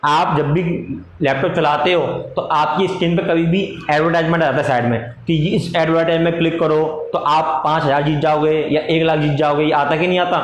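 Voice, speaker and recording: A man teaching a class, dictating notes slowly, repeating phrases and answering his own questions in a lower voice. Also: fairly even intonation. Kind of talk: classroom lecture. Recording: echoey room with faint noise.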